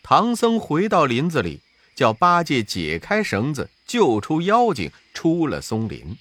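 A man narrating a classic storybook tale with expressive rises and falls. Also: a little high, measured pace, no room sound. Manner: expressive, rising and falling for effect.

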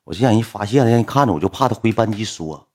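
A man's voice: fairly low pitch, lively intonation, rapid-fire, darkish tone. A young man with a Northeastern Mandarin accent telling a story to an audience in a blunt, colloquial way, swearing now and then and voicing both sides of the dialogue. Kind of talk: casual spoken storytelling to an audience.

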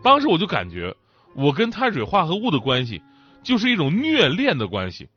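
A man's voice: on the high side, huge pitch swings, a little fast, slightly rough. A man hosting a comic monologue in a chatty, joking way, with thick, swollen-tongued speech from a sore mouth. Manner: chatty, joking, laughs as they talk. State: mouth ulcer. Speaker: stand-up talk show host. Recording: dull lo-fi sound, faint music behind.

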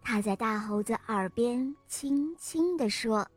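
A woman narrating a children's bedtime story in a slow, gentle, sing-song way. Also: on the high side, animated, faint music behind.

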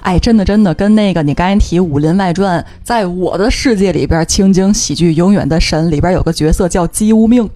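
A woman's voice: fairly low pitch, a little fast, hardly any pauses, mellow, dry recording. A woman from Tianjin chatting casually as a podcast co-host in a jokey, bantering way. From Tianjin, China. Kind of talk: casual chat.

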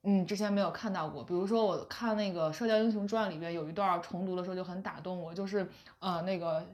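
A woman's voice: on the low side, fairly even intonation, quick pace, darkish tone. A woman in a casual chat, thoughtfully recalling and reflecting on details.

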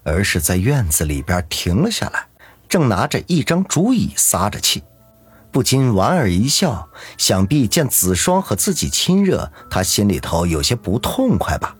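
Husky, lively male narrator. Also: on the low side, moderate pace, no echo, soft background music. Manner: lively, dramatic storytelling. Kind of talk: expressive audiobook narration.

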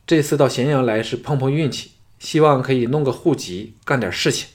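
A man's voice: mid-range voice, fairly quick, lightly acted. A man voicing a polite, deferential exiled nobleman in an audiobook, speaking humbly. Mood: humble. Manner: humble and apologetic.

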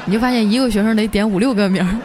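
A woman's voice: medium pitch, racing, noisy background. Playful Northeastern Chinese woman host. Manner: playful and teasing, often laughing as she talks. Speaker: podcast host. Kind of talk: reading and joking about listener comments. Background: background music.

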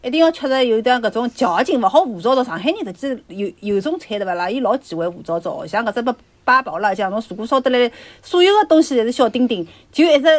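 A woman's voice: a little high, lively intonation, fast talker, hardly any pauses, no echo. A woman with a Shanghai accent chatting casually and explaining home cooking in step-by-step detail.

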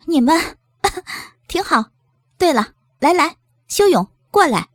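A woman's voice: high-pitched, very animated, a little slow, dry recording, voice pushed up, exaggerated voice. A woman reading an audiobook voices a sly, teasing base leader who talks in a light, giggly way.

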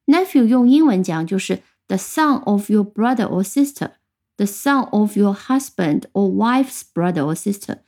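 Warm-toned female teacher, patient, spells words out letter by letter. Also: medium pitch, expressive, unhurried. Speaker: English teacher. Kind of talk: vocabulary lesson.

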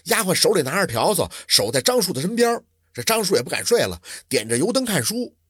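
A man's voice: high voice, a little fast, slightly rough, dry recording, studio quality. A man telling a traditional story in a dramatic, vivid way. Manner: dramatic, lively, vivid delivery.

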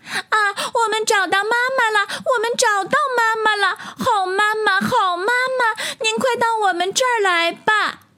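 A woman voicing a chorus of eager little tadpole children in a storybook, with high, pleading, sing-song calls. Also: unhurried, pushed and bright, heavily acted. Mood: joyful.

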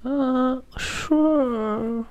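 A man voicing a languid young woman roommate in a high, thin, drawn-out falsetto. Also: a little mellow, full character voice. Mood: drowsy coy.

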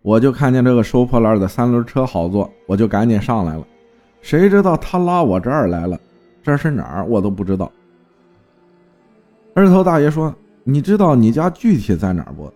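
A man narrating a folk ghost story in a lively, vivid storytelling manner. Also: medium pitch, normal speed, pauses often, faint music behind.

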